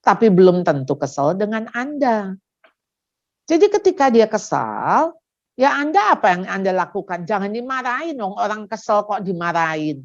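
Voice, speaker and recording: Woman seminar speaker, animated, acts out dialogues, dull lo-fi sound. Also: mid-range voice, moderate pace. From Indonesia. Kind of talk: seminar talk.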